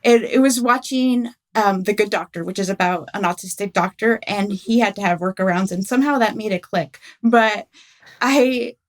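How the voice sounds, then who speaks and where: A woman's voice: medium pitch, moderate pace. A woman in her fifties, a podcast host, who talks openly and laughs often while interviewing. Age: 50s. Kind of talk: casual interview talk.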